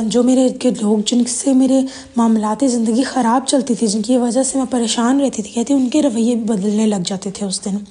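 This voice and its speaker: A woman's voice: on the high side, warm tone. A woman hosting a religious motivational video, casually retelling another woman's story. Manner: conversational, frequent "she says" retelling.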